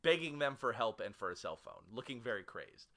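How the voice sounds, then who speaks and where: A man co-hosting a casual podcast, recapping a show with quick asides and frequent laughter. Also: mid-range voice, big pitch swings, bright, forceful tone. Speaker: podcast co-host who picks the shows. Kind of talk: casual chat.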